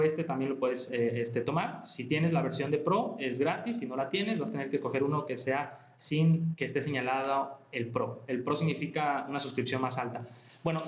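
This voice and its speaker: A man guiding a student step by step through a screen-recorded software tutorial, patient and often correcting himself. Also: a little high. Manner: patient, step-by-step, talks to the viewer as "tú", frequent self-corrections. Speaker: online tutor. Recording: roomy, dull lo-fi sound.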